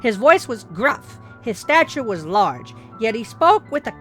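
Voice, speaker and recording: A woman reads a scripted horror story as its narrator, measured, letting her sentences fall away softly at the ends. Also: a little high, very animated. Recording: music bed under voice. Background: music.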